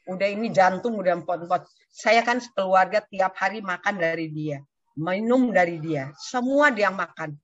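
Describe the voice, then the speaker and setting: A woman's voice: mid-range voice, moderate pace, no echo. An older woman sharing a personal testimony with her church community, telling her story with animation and acting out what others said. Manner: animated storyteller who acts out quoted speech. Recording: dull, dry lo-fi recording.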